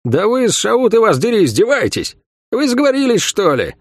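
A man voicing a gruff, weary female assassin who grumbles and snaps sarcastically in an audiobook. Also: high voice, animated, normal speed, dry recording, clean studio sound, pitched above the performer's own voice. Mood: exasperated.

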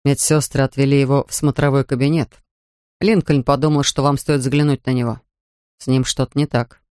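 A reader voicing a weary male police officer who speaks quietly and grimly. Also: mid-range voice, steady tone, fairly quick, no room sound, clean studio sound, natural voice. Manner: quiet, grim.

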